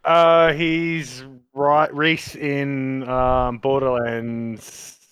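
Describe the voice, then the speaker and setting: A man's voice: medium pitch, level tone, extremely slow, a bit bright. A man in a casual gaming chat, hesitant and full of false starts.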